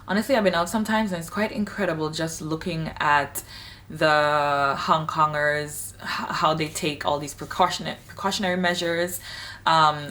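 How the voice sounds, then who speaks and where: A woman in her late twenties talks to camera in a candid, chatty and emphatic way. Her voice sits a little low. It sounds a bit distant from the mic, as if recorded at home. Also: fairly bright tone. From Saint Vincent and the Grenadines. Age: late 20s. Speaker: vlogger. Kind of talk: casual talk to camera. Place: home in Hong Kong, bathroom.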